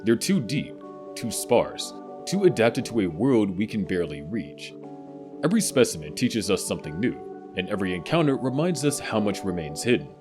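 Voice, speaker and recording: Deep-voiced male nature documentary narrator. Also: big pitch swings, moderate pace. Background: music bed.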